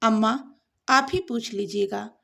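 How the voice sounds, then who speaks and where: A woman's voice: fairly high pitch, measured pace, creaky, sharp tone, exaggerated voice. A woman voicing a scheming young woman who talks sweetly and feigns innocence. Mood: sly.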